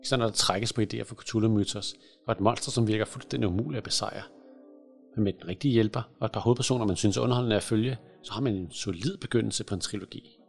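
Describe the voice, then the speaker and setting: A man reading a spooky children's story aloud at a live event in a large library hall, calm and measured. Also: on the low side, creaky, soft background music. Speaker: reader at a live book event.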